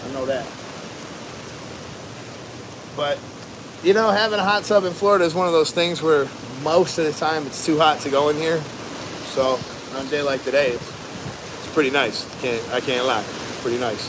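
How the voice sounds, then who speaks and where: A laid-back American man chats casually to a livestream from outdoors. His voice sits a little on the high side, and he rambles in easy slang. Strong wind and rushing ambient noise run behind his words. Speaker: livestream host, barber. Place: outdoors at home during a windy storm. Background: wind and rushing water ambience.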